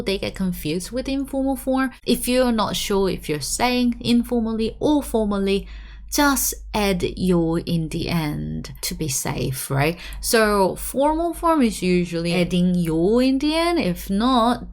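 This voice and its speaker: A woman teaching a video language lesson in a chatty, animated way, often checking in with her listeners. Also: mid-range voice. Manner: animated, with swoops up for emphasis.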